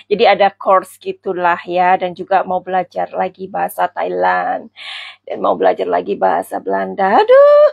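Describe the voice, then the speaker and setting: A woman's voice: medium pitch, creaky, dry recording. A woman hosting a chatty celebrity gossip vlog, theatrical and teasing, calling her viewers darling.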